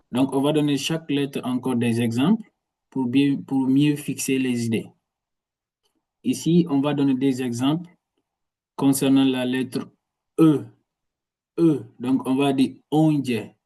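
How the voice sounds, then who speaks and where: A man giving a spoken language lesson, slowly pronouncing each word and repeating it several times. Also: mid-range voice, dark tone. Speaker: Turkish language teacher.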